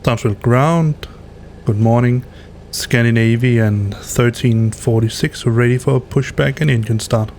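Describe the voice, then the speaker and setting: Guy playing flight sim pilot, average pitch, reading back clearances, casual asides. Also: unhurried, a little mellow, slight background noise. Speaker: flight simulator streamer acting as pilot. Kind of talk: radio readbacks and casual flight sim commentary.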